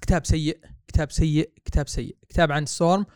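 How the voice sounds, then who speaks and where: A man's voice: on the high side, fairly even intonation, darkish tone, clear, resonant tone, dry recording, clean studio sound. A man, co-hosting a casual podcast chat, blunt and ranting. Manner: blunt, ranting, fast-talking. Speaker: podcast co-host.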